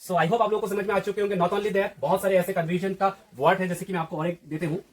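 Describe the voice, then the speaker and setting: A man with a slightly raised, husky voice delivers a classroom-style grammar lesson at a fast pace with fairly even intonation. Step by step, he asks the viewer a question, then supplies the answer himself.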